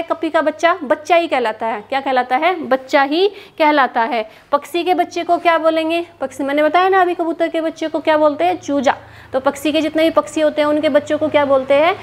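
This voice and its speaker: A woman with a high voice teaches an exam-prep class. She asks each question aloud, then answers and repeats it for her students to memorize. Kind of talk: classroom lesson. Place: hot room without a fan, standing.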